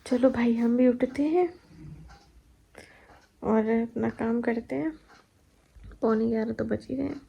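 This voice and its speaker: Tired young woman with a gravelly voice. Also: a little high, slow, pauses often, dark tone, low-quality recording. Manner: chatty, laughing, recounting daily life. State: heavily pregnant and tired. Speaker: vlogger. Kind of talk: casual chat. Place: home.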